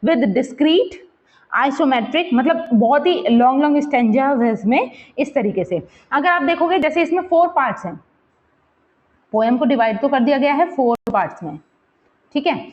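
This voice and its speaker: A woman teacher walks her students through a poem to prepare them for an exam, mixing in English terms and checking in with them often. She counts and repeats words aloud while pointing to the text, and her high-sitting voice comes through on a muffled recording.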